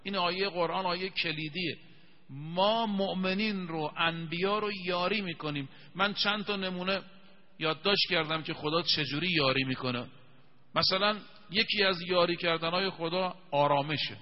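A man preaching a televised religious sermon, telling stories with emphasis and slowing down to recite scripture. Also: sits high. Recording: dull lo-fi sound with long reverb.

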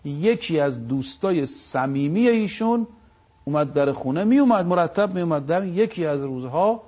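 Husky preaching man on dull broadcast. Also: fairly high pitch, expressive. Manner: preaching, storytelling, slow stressed recitation of sayings. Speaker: religious speaker. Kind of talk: religious talk on live TV.

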